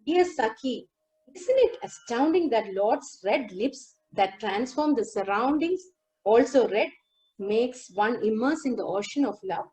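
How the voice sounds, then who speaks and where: A woman giving a lecture demonstration over a video call, explaining song lyrics line by line and singing a few verses slowly. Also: fairly high pitch, expressive, dark tone, rough recording. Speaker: lecturer on Carnatic music. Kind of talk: lecture demonstration with sung lines.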